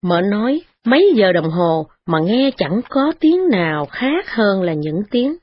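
A woman reading a story aloud in a steady, expressive way. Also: medium pitch, a little slow, slightly rough. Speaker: narrator. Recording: dull lo-fi recording with faint music.

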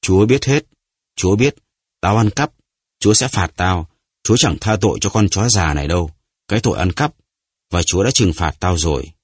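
A man voicing a hoarse, gasping old grandfather in an audiobook story, pleading and reproaching himself. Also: deep voice, animated, a little fast, long pauses, no echo, clean studio sound. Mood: anguished. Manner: pleading, shouting, self-reproaching. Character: old grandfather, hoarse, bitter and guilt-ridden. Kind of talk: audiobook character voice.

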